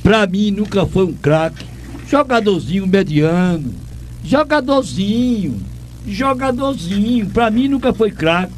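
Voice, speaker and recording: An older man from Pernambuco rants in an expressive, high-pitched voice, taking his time, with a little hiss or hum in the background. A radio host and former sports reporter with a Northeastern Brazilian accent, he's indignant and emphatic and keeps repeating himself.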